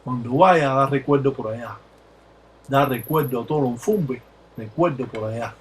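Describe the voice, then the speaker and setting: A man's voice: mid-range voice, moderate pace, a little hiss or hum, rough recording. A man leading a repetitive ritual prayer and then explaining the practice to viewers. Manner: rhythmic repetitive incantation. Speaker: Palo practitioner.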